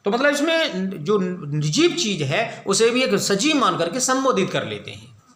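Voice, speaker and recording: A man gives an English lesson, explaining each point in Hindi and stopping to ask questions he answers himself. His voice sits high and has a bright, forward ring. It echoes off the walls of the room he teaches in. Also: very animated. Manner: explains in Hindi, reads English definitions slowly; calls students "beta". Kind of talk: classroom lecture.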